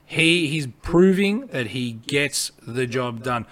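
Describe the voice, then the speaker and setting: A man's voice: mid-range voice, animated, slow, a bit bright. A man co-hosting a podcast, giving blunt, emphatic opinions and repeating his points. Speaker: podcast co-host.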